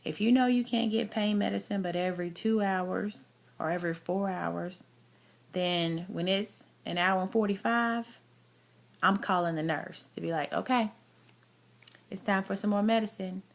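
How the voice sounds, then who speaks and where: A woman's voice: fairly low pitch, steady tone, a little slow, creaky. A woman gives a casual, chatty personal update, speaking candidly and with emphasis, as if to friends. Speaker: vlogger giving a health update. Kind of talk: casual chat to camera.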